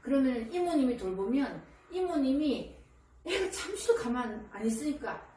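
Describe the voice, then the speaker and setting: A woman giving parenting advice in casual counseling talk, lively and animated, often acting out a child's voice. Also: high-pitched, normal speed. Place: counseling room indoors. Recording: echoey room from a distance, faint ambient noise.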